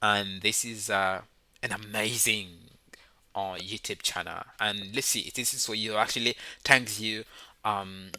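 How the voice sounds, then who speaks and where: Bright-voiced man, non-native English speaker. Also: fairly low pitch, fairly even intonation, dry recording. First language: not English. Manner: halting, repetitive, rambling. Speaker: YouTube host and English learner. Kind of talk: casual unscripted recommendation.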